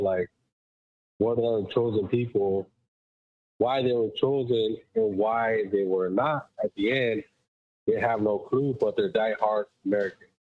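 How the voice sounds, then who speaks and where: A man's voice: on the low side, dry recording. Guy calling in from his phone while walking, muffled like through a wall, tinny line, rambly and emphatic. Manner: rambling, emphatic, full of fillers. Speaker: caller. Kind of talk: casual call-in chat.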